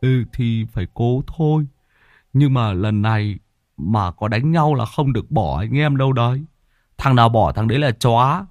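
A man voicing a gruff, blunt middle-aged exorcist giving firm orders. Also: medium pitch, lively intonation, normal speed, darkish tone, dry recording, clean studio sound, close to an everyday voice. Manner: firm, commanding.

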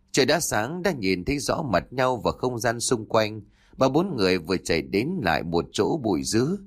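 A man narrating a horror story for an audiobook with steady, expressive storytelling. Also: fairly low pitch.

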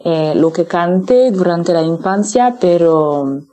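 A woman in her thirties from France with a French accent, a singer interviewed by phone, pausing often to search for words. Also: on the low side, animated, warm tone. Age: 30s. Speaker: guest singer.

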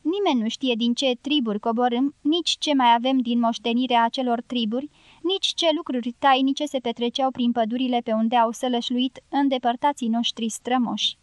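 A woman's voice: on the high side, no room sound, close to an everyday voice. A woman reading an audiobook voices a dry, skeptical young American man thinking aloud in a wry, reasoning way. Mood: musing. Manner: wry, reasoning inner monologue.

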